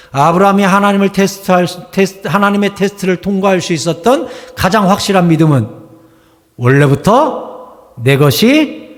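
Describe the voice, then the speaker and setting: High-voiced pastor preaching in a reverberant hall. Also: male voice. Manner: emphatic preaching, sudden loud outbursts when quoting complaints. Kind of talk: sermon. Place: church sanctuary. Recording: long church hall reverb.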